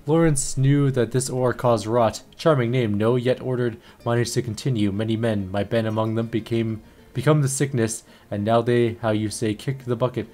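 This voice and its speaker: A man's voice: medium pitch, darkish tone, natural voice. A man doing a widow with broken English. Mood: earnest. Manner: halting, broken English with odd idioms. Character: grieving middle-aged widow with broken English.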